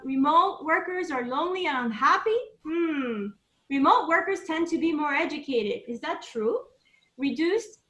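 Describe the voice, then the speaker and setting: A woman with a high, bright voice presents a live webinar and talks through her points casually, with plenty of ums and asides. Her voice comes over online meeting audio and rings with a roomy echo. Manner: conversational, loose with frequent ums and asides.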